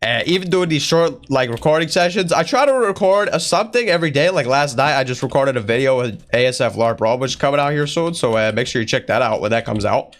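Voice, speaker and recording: Speaking fast with lively intonation and hardly any pauses, a man with a mid-range voice fields viewer questions as a YouTuber. The chat is casual and in character, delivered in a put-on, strained impression of another creator. He rambles in slangy bro-speak, and his voice is sore from the strain.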